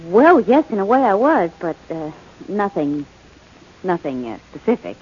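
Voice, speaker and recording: An earnest, anxious nurse from an old radio thriller. She has a mid-pitched, highly expressive voice with a hesitant, dramatic edge, on a lo-fi recording. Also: moderate pace, slightly rough. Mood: hesitant, uneasy. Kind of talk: old-time radio crime drama acting.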